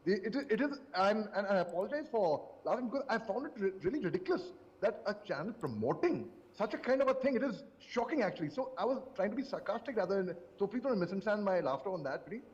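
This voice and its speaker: A man speaking as a panelist on a live news debate, animated and sarcastic, repeating phrases for emphasis, from a hotel event. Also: sits high, fast talker, hardly any pauses, in a large hall, dull audio.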